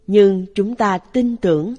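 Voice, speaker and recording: A woman reading a Buddhist dharma talk aloud in a calm, even, measured way. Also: mid-range voice, breathy edge, lo-fi sound. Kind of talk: slow read-aloud Buddhist sermon. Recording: long hall reverb.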